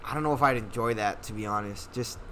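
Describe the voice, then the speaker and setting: A young man in casual podcast chat, relaxed, with many filler words and casual swearing. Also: fairly low pitch, fast, a little hiss or hum.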